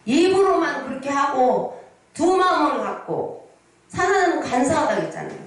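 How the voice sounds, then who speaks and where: Lady pastor in her 60s preaching, bit high voice, big echoey hall, sounds a little far from the mic. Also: very animated, moderate pace. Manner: storytelling sermon with frequent rhetorical questions to the congregation. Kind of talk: sermon. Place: large prayer hall. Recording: echoey hall, voice from the mic's distance.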